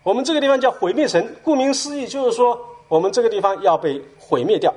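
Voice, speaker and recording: A man voicing a burdened, anguished male pilgrim in a retold story, speaking in a pleading and urgent way with a husky voice. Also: sits high, animated, fast talker, a little mellow, pitched above the performer's own voice.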